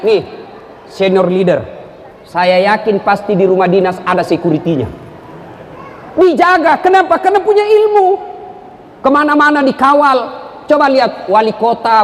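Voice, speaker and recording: Man preaching, very high voice, lively storytelling, long hall reverb. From South Sulawesi, Indonesia. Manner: animated storyteller, acts out characters, jumps between high and low pitch. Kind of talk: humorous sermon with anecdotes. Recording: hall reverb, faint noise.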